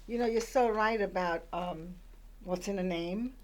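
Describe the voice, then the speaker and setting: An older woman from Puerto Rico, raised in the Bronx, talks as a guest on a radio show. She tells her story casually, with plenty of fillers and restarts, and her voice is of middle pitch. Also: measured pace, slight background noise. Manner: chatty, with many fillers and restarts. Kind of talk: conversational storytelling.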